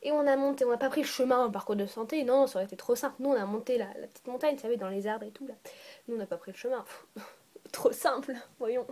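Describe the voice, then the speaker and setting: A woman's voice: a little high, racing, darkish tone. A woman casually telling a personal story to her viewers, rambling and often correcting herself as she goes. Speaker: storytime vlogger. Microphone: phone or tablet voice recording.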